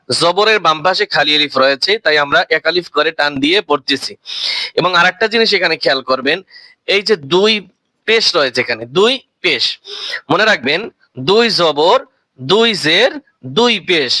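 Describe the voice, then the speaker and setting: A man with a high, bright voice teaches Quran reading at an unhurried pace. He spells out each letter and vowel mark, then draws the whole word out in a long chant. He repeats his main points as questions to the learner, recorded close and dry. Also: no room sound, poor audio. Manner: drawn-out sung recitation of each word.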